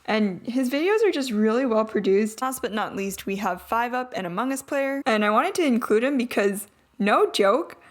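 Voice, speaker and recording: A woman's voice: a little high, expressive, normal speed. Young woman who struggles with her R's. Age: young adult. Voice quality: trouble pronouncing R sounds. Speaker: vlogger. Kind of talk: casual voice-over narration. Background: background music.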